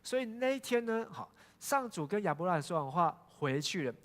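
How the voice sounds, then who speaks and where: A man's voice: sits high, sing-song, a little fast. A male pastor preaching a sermon, telling a Bible story and asking the congregation questions. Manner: storytelling, asks the congregation questions, frequent "hao" fillers. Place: church sanctuary. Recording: long church hall reverb.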